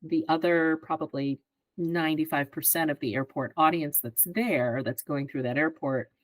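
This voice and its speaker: A woman in her fifties, a guest on a podcast, explaining her work in a measured way and often checking in with "right?". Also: sits low, fairly even intonation, dry recording, low-quality recording. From greater Philadelphia area. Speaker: advertising executive guest. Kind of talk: podcast interview answers.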